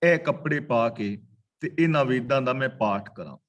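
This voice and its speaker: A man teaching a scripture class, slowly chanting verses and then explaining them word by word and correcting their pronunciation. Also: mid-range voice, animated, highs cut off. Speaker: katha teacher. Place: online class over video call.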